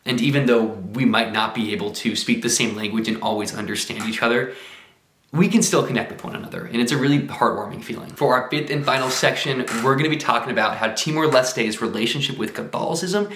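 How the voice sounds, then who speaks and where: Talking fast in a medium-pitched, slightly bright voice, this American man vlogs about his travels straight to camera, full of eager exclamations. The sound carries a roomy echo, his middling register ringing around the space.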